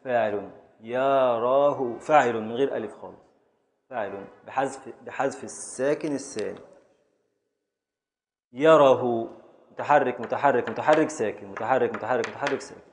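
Egyptian sheikh drilling students on meter. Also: male voice, medium pitch. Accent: Egyptian Arabic. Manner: drills meter, chanting syllables slowly and calling on students by name. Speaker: sheikh teaching classical Arabic prosody. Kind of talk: classroom lesson, quizzing students. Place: classroom with students.

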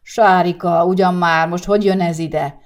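A bumbling, good-natured grandfather mumbles excuses and defends himself, as a woman narrator puts him on. The voice sits fairly low and stays close to her plain reading voice. It is an audiobook telling. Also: creaky, a little mellow. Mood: defensive. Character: easygoing bumbling grandfather, older man.

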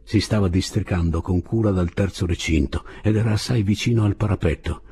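A man narrating a novel as an audiobook reading, with expressive literary delivery. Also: low voice, brisk, husky.

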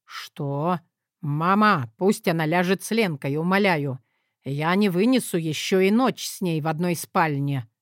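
A woman voicing a huge young man who begs in a low, pleading way. It is read as part of an audiobook. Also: a little slow, no room sound, studio quality, close to an everyday voice. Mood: panicked pleading. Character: large, gruff young man, panicky.

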